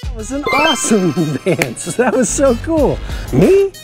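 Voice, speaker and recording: Loud music plays behind a middle-aged man hosting a kids' show as a cowboy while he enthusiastically tours a stadium locker room. His very high voice, with huge pitch swings and a slow pace, bursts with exclamations and frequent laughter.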